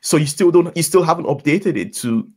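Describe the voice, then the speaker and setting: A man's voice: fairly high pitch, expressive, brisk, slightly rough. A man hosting a podcast interview over a video call, encouraging his guest with short listening sounds. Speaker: podcast host. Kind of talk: casual interview chat. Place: home room, indoors. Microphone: headset with desk mic, video call.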